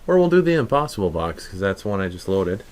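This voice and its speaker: A man's voice: low-pitched, very animated, fast talker, a little mellow. A man hosting a paranormal livestream with casual, off-the-cuff live commentary. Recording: faint background noise.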